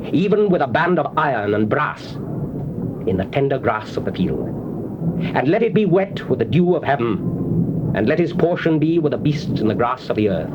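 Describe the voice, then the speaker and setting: A proud Babylonian king declaims slowly and solemnly in a scripture drama. His middle-pitched voice comes through a dull cassette recording with heavy noise. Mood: grave, awestruck. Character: proud Babylonian king recounting a troubling dream. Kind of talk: dramatized scripture reading, declamatory theatrical acting. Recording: noisy, dull old cassette tape recording.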